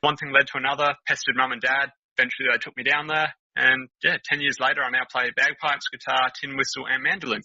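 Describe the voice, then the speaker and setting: A man's voice: mid-range voice, level tone, fast talker, hardly any pauses, bright, forceful tone, husky, dry recording, highs cut off. A young man, chatting casually as a guest on a podcast, with lots of fillers and laughter. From Australia.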